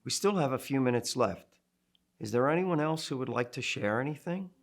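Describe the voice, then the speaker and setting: An actor playing a male support group leader who speaks calmly and reassuringly, in film dialogue. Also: medium pitch, fairly quick, a little hiss or hum, natural voice. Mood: gentle. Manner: calm, gentle, reassuring. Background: film score.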